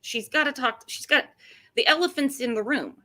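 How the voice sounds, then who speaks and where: Female true-crime host, sarcastic and chatty, bright forceful voice sitting a bit high. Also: moderate pace. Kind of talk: casual true-crime commentary chat.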